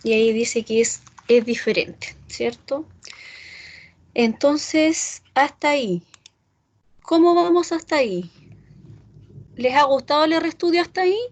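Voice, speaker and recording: A woman teaching a class, talking slowly and patiently and checking in with her students often. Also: high voice, low-quality recording. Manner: slow, patient, keeps checking with "¿cierto?". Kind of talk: online class on R programming.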